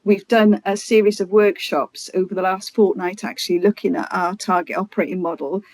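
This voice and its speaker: A woman giving a formal corporate presentation to a committee, often halting and restarting her words. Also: mid-range voice, fairly even intonation, a little mellow, no echo.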